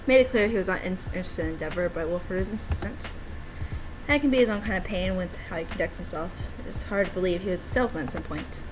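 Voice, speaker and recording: Background noise runs under this livestream, where a woman with a lowish voice talks quickly about her own game. Giggly and enthusiastic, she wanders from topic to topic and reads the in-game dialogue aloud.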